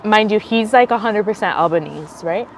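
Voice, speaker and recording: A woman's voice: mid-range voice, normal speed, slight background noise. A woman in her thirties hosting a podcast, chatting casually with short, easygoing remarks. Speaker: podcast host. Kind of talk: casual chat.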